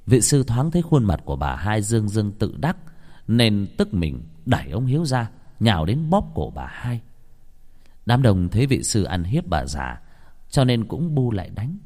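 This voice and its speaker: A man tells a ghost story in a low, lively voice that rises and dips expressively. A long hall-like reverb hangs behind every line. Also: normal speed. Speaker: narrator. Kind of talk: scripted horror story narration.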